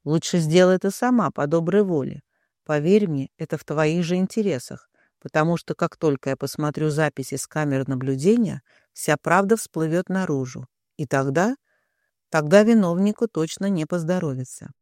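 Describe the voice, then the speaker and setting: A man voicing a stern, coldly furious man who speaks with low, controlled menace in an audiobook. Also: moderate pace, darkish tone, no echo, studio quality, lightly acted.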